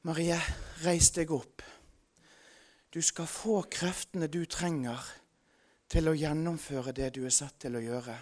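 A gentle divine man speaks softly and low, calling someone to rise. A preacher puts this voice on while telling a story in a sermon. It is hushed and unhurried. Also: lightly acted. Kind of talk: dramatized quote in a sermon.

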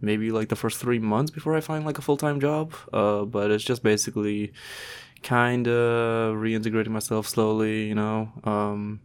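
A young man co-hosting a podcast in casual, halting, slangy talk with some swearing. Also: fairly low pitch, level tone, smooth. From Toronto, Canada. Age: young adult. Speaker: podcast co-host. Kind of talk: casual chat.

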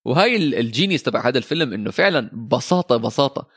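A man co-hosting a casual film chat, relaxed, laughing easily and slipping English phrases in. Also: mid-range voice, very fast, breathy edge, no room sound, studio quality. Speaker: podcast co-host.

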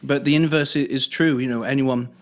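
A man's voice: medium pitch, steady tone, fairly quick. A man talking casually about Bible passages with a friend, thinking aloud and trailing off between thoughts. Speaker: church leader discussing scripture.

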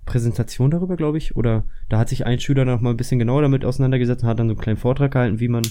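A man's voice: medium pitch, rapid-fire, mellow. A young man chatting casually, rambling with lots of filler words. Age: young adult. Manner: rambling, many fillers like "so" and "halt". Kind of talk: casual chat.

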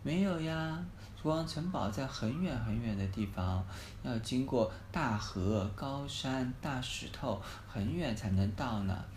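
Man playing kind old grandpa in a storybook, patient, slow explaining, echoey phone recording. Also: mid-range voice, expressive, a little mellow, slight background noise, close to an everyday voice. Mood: kindly.

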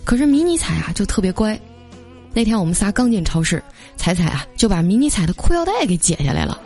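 A young woman hosts her own podcast, telling funny everyday anecdotes in a chatty, storytelling way. Her voice sits at a middle pitch. Soft background music plays under her talk. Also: sing-song, fast talker. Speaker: podcast host.

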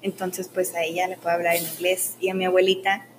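Young woman chatting softly, lots of "o sea", bit of hiss behind. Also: lowish voice, level tone, fast talker, low-quality recording. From Mexico. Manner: soft-spoken, uses many fillers like "o sea" and "como que". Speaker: interviewee. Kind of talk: casual interview.

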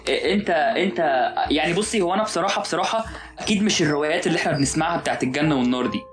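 A man's voice: fairly high pitch, rapid-fire. A man with an Egyptian accent in casual chat, musing philosophically and often restarting his sentences, with music playing underneath.

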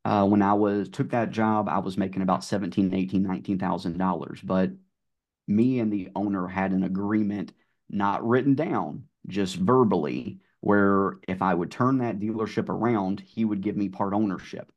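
A middle-aged man with a Southern drawl speaks in a fairly low voice. He talks in a relaxed, storytelling way, with plenty of ums and you-knows. It sounds like a casual podcast conversation. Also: normal speed, highs cut off. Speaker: guest, car sales manager.

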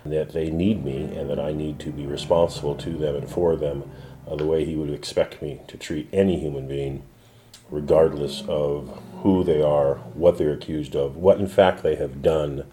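A middle-aged man, a defense attorney, telling a personal story in an interview in a reflective, measured way with pauses. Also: a bass voice, fairly even intonation, dark tone. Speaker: defense attorney, former prosecutor. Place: his law office.

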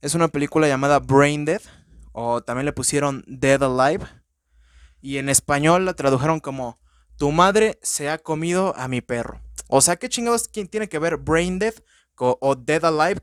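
Profane, excitable Mexican man, slightly high. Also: normal speed, clean tone, dry recording, studio quality. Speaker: podcast host. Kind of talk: casual movie-review monologue.

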